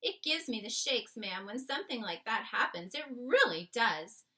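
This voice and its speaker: A woman's voice: on the high side, sing-song, normal speed, pushed and bright, distant mic. A woman voicing a flustered, loyal middle-aged palace maid, exclamatory and deferential in a storybook reading. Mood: shaken. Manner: deferential, exclamatory, addressing her mistress as ma'am.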